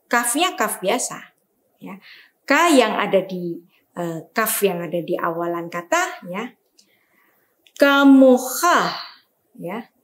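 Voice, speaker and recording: Slow, over-enunciating Indonesian woman teacher. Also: on the low side, expressive. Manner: over-enunciates example words, stretched out and emphatic; didactic, frequently checking in with a tag word. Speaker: language teacher. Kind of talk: beginner reading lesson.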